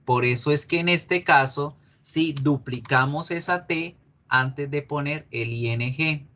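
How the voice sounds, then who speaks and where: A male English teacher giving a class, explaining patiently, repeating key words slowly and asking students questions. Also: on the high side, pushed and bright, a little hiss or hum.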